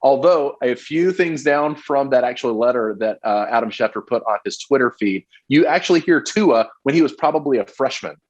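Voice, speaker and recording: A man's voice: medium pitch, lively intonation, moderate pace, hardly any pauses, a little mellow, dull audio. Rambling male podcast co-host. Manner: rambling, many fillers and restarts. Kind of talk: casual sports podcast chat.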